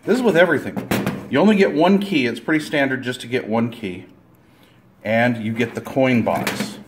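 A man's voice: mid-range voice, moderate pace, background noise. A man talking through a hands-on repair tutorial in a rambling, plain-spoken way, full of fillers and restarts, filming close-up at a table indoors. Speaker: DIY video maker.

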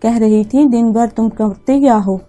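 A woman voicing a sharp-tongued young daughter-in-law who talks back defensively in a mellow, low-key tone. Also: measured pace, faint music behind. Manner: snappish and defensive.

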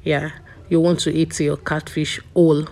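A middle-aged woman, talking through a recipe in a relaxed, chatty cooking voice-over. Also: low-pitched, normal speed. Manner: chatty, relaxed, with small laughs. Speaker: cooking vlogger.

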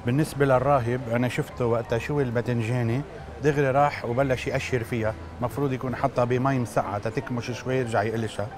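A man with a Lebanese Arabic accent gives blunt, matter-of-fact verdicts at a very fast clip, in a mid-pitched voice. He judges a cooking show in a bright studio, with music behind. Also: fairly even intonation. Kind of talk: casual critique. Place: bright indoor TV studio set.

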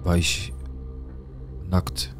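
A man's voice: very slow, music in the background. A man telling his own story in an intense, emotional way, acting out the dialogue as he goes. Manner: retells events with quoted dialogue, intense and heated. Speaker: guest recounting a personal experience. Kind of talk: emotional first-person account.

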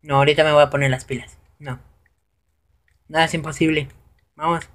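A man giving casual live commentary over his own gameplay, excitable and prone to high shouts when things go wrong. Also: brisk.

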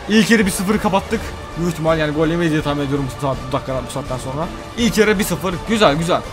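A young man commentating his own football video game as he plays, excitable, shouting and groaning at every play. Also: fairly high pitch. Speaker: gaming YouTuber. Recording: faint game music behind.

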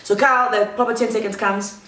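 This young adult vlogger speaks loudly in a mid-range voice, talking a little fast with fairly even intonation. She's telling a chatty, slangy storytime from her seat in a big living room. The camera sits fixed across the room, so the sound has a roomy echo.

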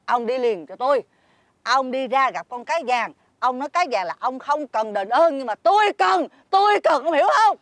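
A shrill, scolding old fisherman's wife, her high voice leaping up and down as she nags. The sound is close and dry, typical of a folk-tale TV drama. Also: animated, normal speed, dry recording.

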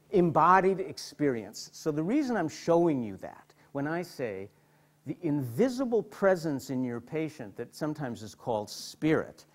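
A middle-aged man, a psychotherapist, lecturing to an audience and telling stories animatedly, often repeating and restarting words. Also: a little high. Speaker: psychotherapist giving a hospital lecture.

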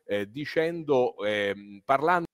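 A middle-aged man giving a presentation over a video call with a headset, speaking haltingly with many fillers. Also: mid-range voice, lively intonation, fairly bright tone, in a large hall. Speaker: trade association vice director.

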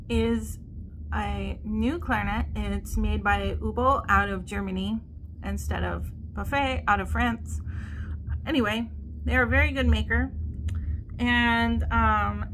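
Woman in her forties, chatty and relaxed, slightly winded, slow speech, faint hiss. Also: fairly high pitch. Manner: chatty, relaxed, talks between playing clarinet. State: slightly winded, recovering from a cold. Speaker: clarinet player and host. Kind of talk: casual demonstration talk. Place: indoor home room. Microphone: camera low on a stand at close range.

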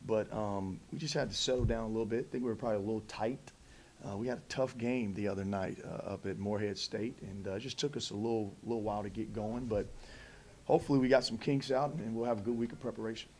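A man in his thirties, a head coach at a post-game press conference, answering in a measured way with many fillers and restarts into a table mic. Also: lowish voice, fairly even intonation, a little mellow, a little hiss or hum. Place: press conference room in front of a backdrop. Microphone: table mic in front of him.

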